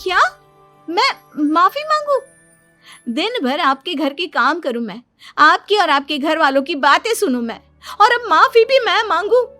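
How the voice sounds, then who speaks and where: A woman's voice: sits high, measured pace, fairly bright tone, soft background music. A woman voicing a self-pitying young wife in a cartoon story, complaining in a whiny, dramatic way.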